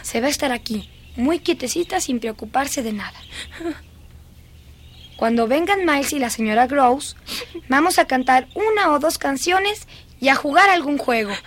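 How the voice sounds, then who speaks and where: A woman's voice: high voice, animated, moderate pace, a little hiss or hum. A woman dubbing a dreamy, eerie little girl who is fascinated by dead beetles, in a lingering, singsong, childlike way. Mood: soothing. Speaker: dubbing actress. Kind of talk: film dubbing.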